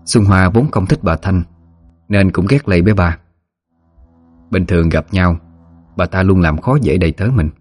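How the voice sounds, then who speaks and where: A man narrating a ghost story in a steady, measured way. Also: low-pitched, no room sound, soft background music. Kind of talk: scripted horror story narration.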